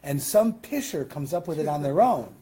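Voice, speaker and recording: Husky Western New York rabbi teaching. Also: male voice, a little high, expressive, normal speed, dark tone. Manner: conversational, explains with questions and asides. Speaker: rabbi teaching a Talmud class. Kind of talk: Talmud class teaching. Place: synagogue classroom.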